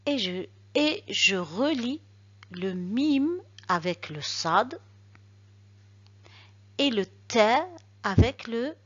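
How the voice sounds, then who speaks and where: A woman teaching a recorded reading lesson, explaining rules step by step and slowly repeating each example word. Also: fairly high pitch, animated, muffled recording. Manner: slow, careful, repeats examples syllable by syllable.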